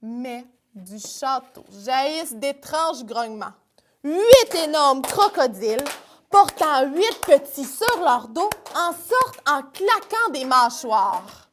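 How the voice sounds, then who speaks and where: A woman's voice: high voice, very animated, takes it slowly, fairly bright tone, a little hiss or hum. A woman leading an interactive picture-card storytelling session for children, coaxing them with questions.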